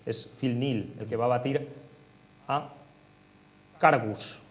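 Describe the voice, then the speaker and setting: Here the football history host, a man from Spain with a Spanish accent, speaks slowly in a mid-range voice with fairly even intonation. He walks conversationally through results and match action on a noisy track carrying electrical hum.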